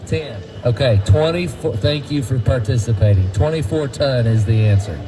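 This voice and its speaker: A man's voice: mid-range voice, moderate pace, background noise. A man guiding a group through a feed mill, folksy and quizzing the crowd. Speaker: tour guide at a feed mill. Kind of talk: guided tour talk to a group.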